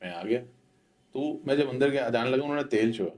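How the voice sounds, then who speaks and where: A man's voice: medium pitch, a little fast, a little mellow. A middle-aged man, earnestly telling a devotional story and mixing in English words. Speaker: devotee sharing his experience. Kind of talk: spoken devotional testimony.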